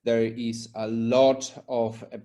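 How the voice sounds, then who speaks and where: An earnest man, an environmental and safety consultant, answers interview questions in a conversational way. His mid-range voice is warm and level, and he speaks slowly. He is a native Spanish speaker from Argentina and Spain.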